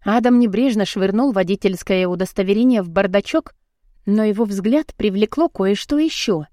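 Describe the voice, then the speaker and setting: A woman narrating a first-person audiobook in an expressive storytelling read. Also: mid-range voice, moderate pace, no room sound, clean studio sound.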